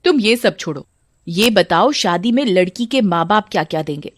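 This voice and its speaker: Brief: greedy sharp-tongued mother-in-law, read by a woman storyteller, lively scolding, dry close sound. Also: mid-range voice, normal speed, no room sound, natural voice. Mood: scornful. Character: greedy harsh middle-aged mother-in-law.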